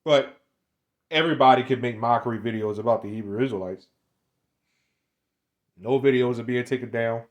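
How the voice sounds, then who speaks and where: A man's voice: mid-range voice, normal speed, long pauses, lo-fi sound. A man in his twenties giving a casual, rambling monologue, often stammering and repeating words, with street slang. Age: 20s. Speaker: online commentator.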